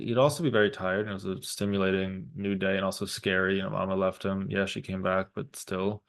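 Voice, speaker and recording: Man, thirties, low voice, gravelly, reflective, halting with fillers. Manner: thoughtful, halting, many fillers and restarts. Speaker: parent vlogger. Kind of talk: reflective personal talk.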